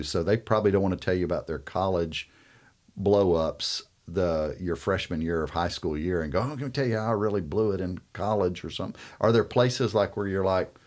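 A man's voice: low-pitched, darkish tone. A man hosting a casual faith-based conversation with young guests, thoughtful and rambling with many fillers. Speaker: host.

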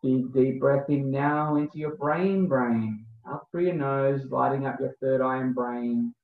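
A man's voice: medium pitch, fairly even intonation. A thin, phone-like recording with a roomy echo carries a man's mid-range voice. He guides a breathing meditation as a coach would, giving short, spaced instructions one step at a time. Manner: slow, spaced instructional phrasing when guiding. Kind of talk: guided breathing meditation, then casual explanation.

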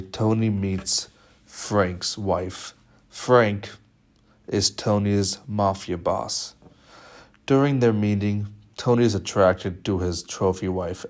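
Young man, lowish voice, film analysis talk, measured and slightly halting. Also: a little mellow. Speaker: media studies presenter.

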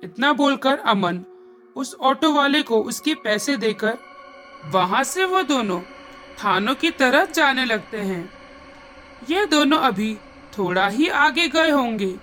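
A woman's voice: high voice, animated, slow pace, fairly bright tone, faint music behind. A woman narrating a scripted horror story with suspenseful storytelling.

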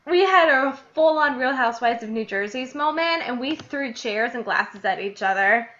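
A woman's voice: sits high, normal speed. A young woman hosting a podcast, chatting casually and giggling as she reads from her childhood diary. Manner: giggly, animated, laughs often between readings. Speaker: podcast host. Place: lives in New Jersey, grew up in Illinois. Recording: dull lo-fi podcast audio.

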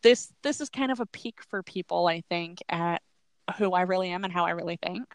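Slightly wheezy, creaky-voiced woman podcast host. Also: fairly low pitch, brisk, no room sound. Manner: rambling, informal, laughs easily. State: unwell, a little wheezy. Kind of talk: casual chat.

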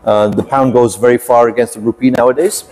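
A man speaks as a podcast guest. His voice is mellow and warm, sitting at a middle pitch. He talks in a measured, reflective way, pausing often as he recounts his life. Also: steady tone. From United Kingdom. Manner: measured, reflective storytelling with frequent pauses. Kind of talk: podcast interview.

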